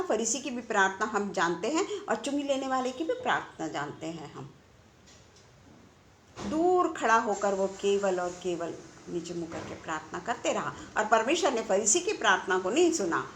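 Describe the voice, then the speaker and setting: A woman's voice: mid-range voice, big pitch swings, moderate pace, fairly bright tone, echoey room, slight background noise. A woman preaching a conversational sermon, asking her listeners rhetorical questions. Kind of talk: online sermon.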